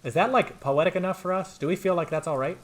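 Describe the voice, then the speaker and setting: A man chatting excitedly to viewers as he plays a video game, his throat getting tired. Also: high voice, fast talker. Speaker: streamer playing a video game. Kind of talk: let's play commentary.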